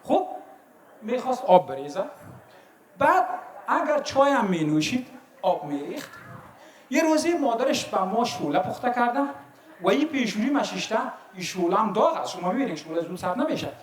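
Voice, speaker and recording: A fairly high-pitched man with an Afghan Dari accent tells unhurried family stories as father of the bride. His voice rings out through an echoey hall as he pauses and chuckles between memories. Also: very animated. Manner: warm anecdotal storytelling with chuckles and pauses. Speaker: father of the bride giving a wedding speech. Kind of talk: storytelling wedding speech.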